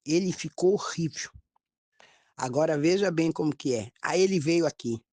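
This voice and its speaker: A woman pastor with a Brazilian accent, telling a testimony in a sermon, with lively storytelling and acted quotes. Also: low voice, moderate pace, dry recording. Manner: storytelling, animated quoted dialogue.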